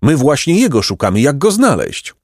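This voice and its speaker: A man's voice: mid-range voice, huge pitch swings, normal speed, no room sound, studio quality, voice pushed up. A man voicing an earnest, devoted young son in a storybook reading.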